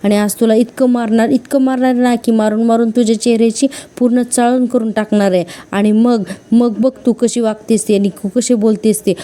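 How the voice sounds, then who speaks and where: A woman reading out the threats of a furious young woman avenging her family, in a menacing, deliberate way. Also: fairly high pitch, fairly even intonation, dark tone, natural voice. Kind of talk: quoted lines in a serial recap.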